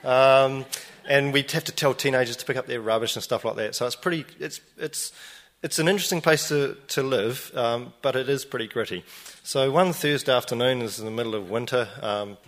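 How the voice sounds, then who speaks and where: Brief: Kiwi man, mid-pitched, spinning a casual yarn with plenty of ums. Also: fairly quick, a bit bright. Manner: hesitant, frequent "um", acts out quotes. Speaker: storyteller. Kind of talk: spoken personal anecdote.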